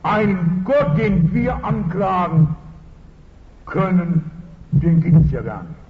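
A preacher acting out an imprisoned apostle, despairing and bitter, who drops into a lower voice. He speaks slowly and heavily. The recording is dull, with a long hall reverb. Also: animated. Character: despairing male apostle in prison, lamenting.

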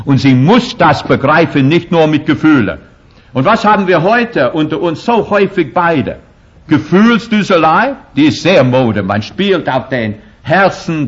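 A man's voice: mid-range voice, slightly rough, highs cut off. A man preaching a sermon as pastor, talking emphatically and making frequent slips in his grammar.

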